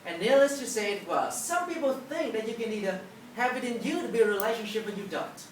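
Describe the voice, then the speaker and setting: A woman's voice: a little high, animated, fast talker. Female public speaker, emphatic storyteller, motivational delivery, captured at a distance in a very reverberant hall. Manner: emphatic storytelling, acting out dialogue. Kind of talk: motivational talk to a live audience. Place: large auditorium with an audience. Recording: echoey hall, distant, noisy.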